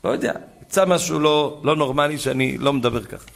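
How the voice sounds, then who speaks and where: Gravelly, fervent male rabbi preaching. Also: medium pitch. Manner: fervent preaching that builds to loud exclamations; retells conversations in a storytelling way. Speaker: rabbi giving a Torah talk. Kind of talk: sermon to a gathering.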